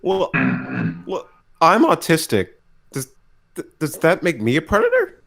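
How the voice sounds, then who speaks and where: Giggly podcast host with a lively voice. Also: male voice, a little high, a little slow. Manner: giggly, stammering restarts. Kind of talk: casual podcast chat.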